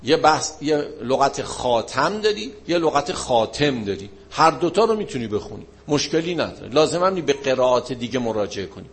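A man's voice: medium pitch, sing-song, few pauses. A man giving an informal religious lesson, explaining points and asking and answering his own questions. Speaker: religious teacher.

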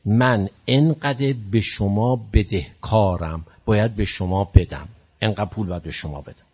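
Man, preacher, sermon storytelling, husky, emotive, exhorting. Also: fairly low pitch, darkish tone.

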